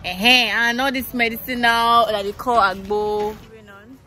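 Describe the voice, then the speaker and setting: A young Nigerian woman talks casually into a phone held at arm's length as she walks outdoors. Her voice sits a little high and her talk is slow and unhurried. Faint music plays under her. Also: steady tone, pushed and bright. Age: young adult. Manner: chatty, laughing, switching into pidgin. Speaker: vlogger. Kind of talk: casual vlog walkthrough. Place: outdoors in a rural neighborhood.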